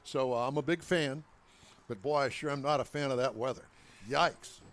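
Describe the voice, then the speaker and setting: A man's voice: mid-range voice, steady tone, moderate pace, fairly bright tone. A man co-hosting a show, joking and teasing in casual banter with guests. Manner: teasing, wisecracking. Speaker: co-host.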